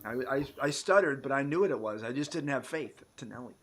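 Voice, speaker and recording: American male host, mid pitch, loose rambling live-stream chatter. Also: lively intonation, fast. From United States. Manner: rambling, loud swings in volume, many fillers. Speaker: show host. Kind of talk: casual live-stream interview chat.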